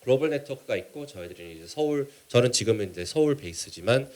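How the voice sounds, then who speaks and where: A man with a Korean-American accent gives a conference presentation in a halting, measured way, mixing in English business terms. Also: medium pitch, animated. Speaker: keynote speaker, startup mentor.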